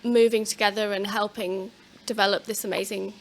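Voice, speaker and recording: A woman's voice: medium pitch, flat delivery, brisk, gravelly, poor audio. A woman asking informal, conversational questions as an interviewer.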